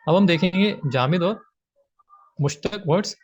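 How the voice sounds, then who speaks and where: A man's voice: high voice, moderate pace. A man teaching grammar from slides, patiently repeating his points with frequent fillers. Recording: slightly dull lo-fi audio.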